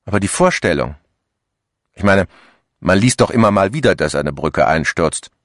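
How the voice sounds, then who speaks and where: A man's voice: deep voice, expressive, normal speed, dry recording, studio quality. A man reading as a brooding office worker. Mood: musing. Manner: hesitant, musing. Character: uneasy middle-aged office worker, quietly brooding.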